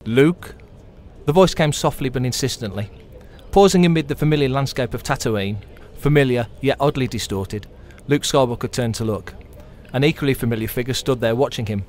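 A man narrating a novel excerpt in a measured, expressive reading, recorded on a convention show floor. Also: medium pitch, slight background noise. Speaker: audiobook narrator.

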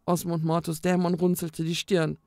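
A woman reading a children's book aloud in a calm, measured storytelling manner. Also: fairly low pitch, no echo, studio quality. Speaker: storybook reader.

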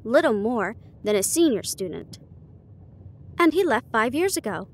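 In a storybook reading, a woman voices a confident, teasing male detective who is shrewd and theatrical and makes deliberate deductions. Her delivery is a little high, sing-song, and exaggerated.

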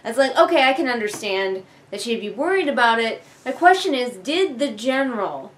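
A young woman who reviews books reads along from her living room couch, offering casual, rambling, sarcastic commentary and tossing out offhand swears. Her voice is a little high and sing-song at a moderate pace. The noisy camera audio was recorded a few feet away.

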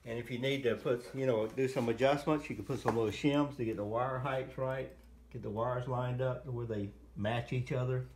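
Working with his hands at a home worktable, a middle-aged man demonstrates his building hobby through offhand, unscripted instructions delivered in short bursts. He speaks at a moderate pace in a steady, mid-range voice with a slightly mellow quality. Clicks and noise run through this home recording.

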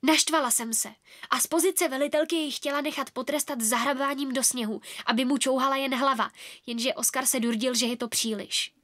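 A woman narrating a children's fairy-tale audiobook in the first person, with a soft, expressive storytelling manner. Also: high voice, dry recording, studio quality.

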